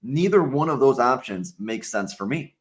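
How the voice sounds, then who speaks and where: A man's voice: mid-range voice, expressive, normal speed. Laid back guy, average voice, just chatting plainly on a live show. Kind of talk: casual live-stream chat.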